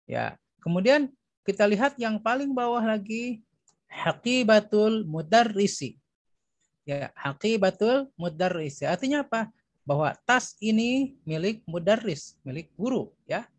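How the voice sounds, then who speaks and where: An Indonesian man teaching Arabic grammar, repeating each term and filling pauses with "ya" and "nah". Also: high-pitched, no room sound, low-quality recording. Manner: repeats terms, fills with "ya" and "nah". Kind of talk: recorded grammar lesson.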